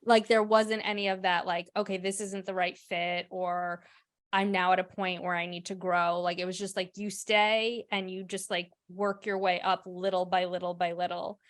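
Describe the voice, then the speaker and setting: A woman of forty-three co-hosting a podcast, talking in a relaxed, conversational way. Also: fairly low pitch, moderate pace. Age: 40s. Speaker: podcast co-host. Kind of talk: casual interview chat.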